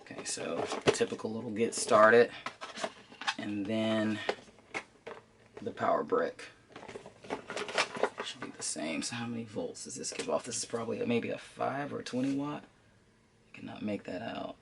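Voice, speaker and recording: A man's voice: lowish voice, unhurried, vocal fry, long pauses, noisy background. A man with a congested, sinus-affected voice giving a casual unboxing commentary as a channel host, informal and thinking aloud as he goes.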